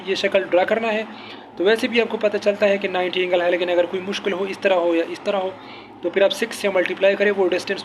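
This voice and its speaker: Guy going over test answers quick, high voice, bit of traffic noise behind, phone mic. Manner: rapid, repetitive explaining with fillers. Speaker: exam prep teacher. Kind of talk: quick exam-answer walkthrough.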